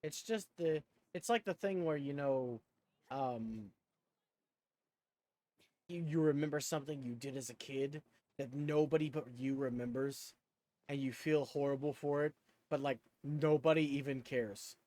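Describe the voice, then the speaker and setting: A man's voice: medium pitch, unhurried, mellow, dry recording. A man chatting casually and rambling in a self-conscious way as he plays a game, thinking aloud as he goes. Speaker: video game streamer. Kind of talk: casual chat and commentary while playing a game.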